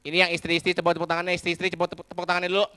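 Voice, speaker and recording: A male pastor, giving a lively comic sermon in animated storytelling, calling out to the crowd. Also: sits high, racing, clear, resonant tone, dry recording. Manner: animated storytelling with a sing-song rise and fall and crowd call-outs.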